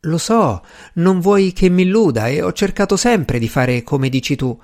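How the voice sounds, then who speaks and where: A man reading a novel aloud, voicing a tender, hopeful young woman in a soft, pleading tone. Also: fairly high pitch, big pitch swings, normal speed, pitched above the performer's own voice. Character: young English lady, tender and hopeful, dreamy.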